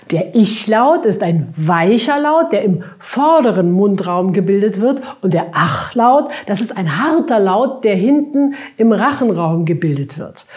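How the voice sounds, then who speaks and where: Clear, deliberate German speech trainer woman. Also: fairly high pitch, darkish tone. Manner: clear, deliberate, demonstrates sounds slowly; friendly direct address to viewer. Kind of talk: instructional video lesson.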